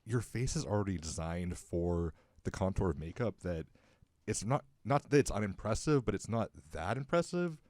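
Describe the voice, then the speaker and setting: A man's voice: lowish voice, lively intonation, normal speed, a little mellow, no room sound, clean studio sound. A man hosting a podcast, bantering in a playful, casual way. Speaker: podcast host.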